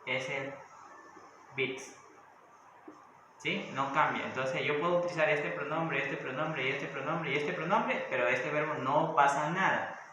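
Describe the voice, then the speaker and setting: Male teacher, slow patient explanations, echoey room, faint background hiss. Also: on the high side. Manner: explains step by step with frequent checking questions. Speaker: English teacher. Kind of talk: recorded classroom lesson.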